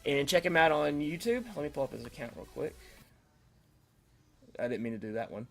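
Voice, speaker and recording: A man with a fairly high, bright voice, lively intonation and some vocal fry talks briskly as host of an online creative group's announcement video. His unscripted, casual delivery rambles and hesitates, with frequent rephrasing, over electronic dance remix music.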